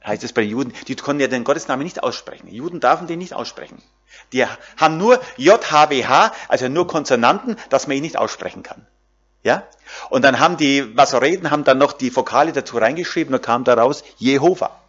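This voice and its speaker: German preacher with lively, swinging pitch. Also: male voice, a little fast, breathy edge, dull audio. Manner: talks directly to the congregation with many fillers and tag questions. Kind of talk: sermon.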